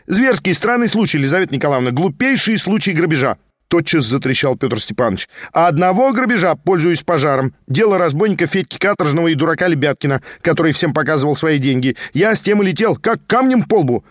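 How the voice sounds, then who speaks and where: A man voicing a fast-talking, scheming young nobleman who chatters and insists without pause. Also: a little high, lively intonation, dry recording, clean studio sound. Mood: chattering.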